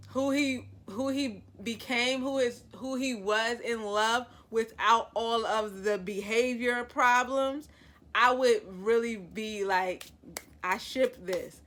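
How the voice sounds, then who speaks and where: A woman vlogger giving her opinions on a series in an animated, chatty, opinionated way. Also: a little high. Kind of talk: casual review chat.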